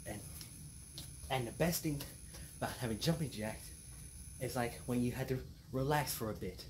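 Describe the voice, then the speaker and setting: A young man chatting casually to camera outdoors, talking haltingly and often repeating his phrases. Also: medium pitch, darkish tone. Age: young adult. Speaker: vlogger. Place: outdoors on porch and yard. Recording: noisy outdoor camera audio.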